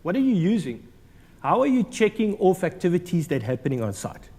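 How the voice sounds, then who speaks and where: This conference presenter, a man with a South African accent, jokes his way through a conversational talk in a large hall, often saying um and uh. He has a high, sing-song, warm voice, speaks fairly quickly, and sounds like he's in a big room.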